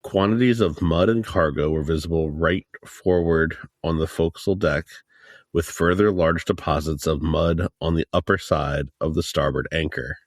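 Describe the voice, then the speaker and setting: Man, very low voice, dry close sound, steady measured reading, podcast co-host. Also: no room sound. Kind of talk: reading a report aloud, casual chat.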